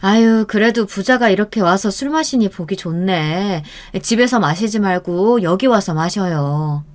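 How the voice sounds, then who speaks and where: A friendly, easygoing older mother behind the bar, as a woman narrator puts her on, chatting in a warm everyday voice. Her tone stays relaxed and plain. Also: medium pitch, a little slow, lightly acted. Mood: cheerful.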